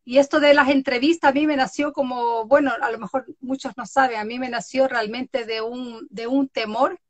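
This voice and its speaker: An online interviewer on social media, a woman with a high voice, chats casually at a normal pace. She's an animated storyteller who acts out quoted voices with laughs, and the recording has no room sound and cut-off highs.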